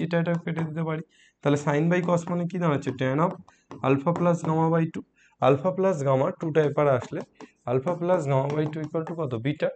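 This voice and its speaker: Soft-spoken man with a sore throat teaching math. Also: on the high side, slight background noise. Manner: coaxing, asks students questions, mixes English math terms. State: sore throat, speaking softly. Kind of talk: online math lesson.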